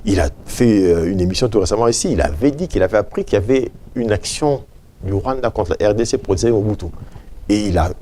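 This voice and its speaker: Emphatic Congolese man, low and quick. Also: lively intonation, warm tone. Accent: Congolese French. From Democratic Republic of the Congo. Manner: emphatic, insistent, repeats points. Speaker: guest expert. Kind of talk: studio TV interview.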